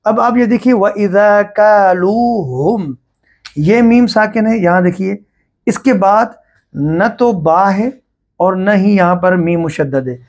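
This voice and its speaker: A middle-aged man teaching Quran recitation rules, explaining each point slowly and step by step. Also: sits high. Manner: slow, deliberate, explaining step by step. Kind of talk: religious lesson on recitation rules.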